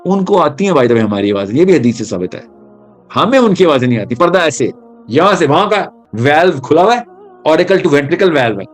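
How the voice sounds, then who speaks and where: A man giving a religious talk, telling stories with energy and mixing English terms into his speech. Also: mid-range voice. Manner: animated storytelling, mixing English terms into Urdu. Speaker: Islamic speaker.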